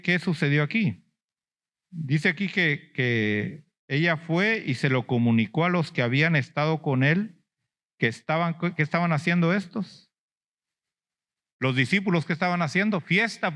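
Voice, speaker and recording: A man delivering a church sermon in a fairly high voice. He keeps questioning the congregation and prompting them with short hums, and he slips into a whiny voice to act out believers who lament. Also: expressive, moderate pace, sharp tone. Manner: questions the congregation, answers with "mm?" and "ujú". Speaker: apostle preaching.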